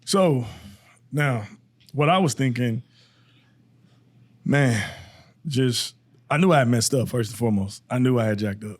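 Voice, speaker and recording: A young man co-hosting a podcast, recounting his side in a calm, reflective way. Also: medium pitch, unhurried, pauses often. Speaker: podcast co-host. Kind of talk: casual chat.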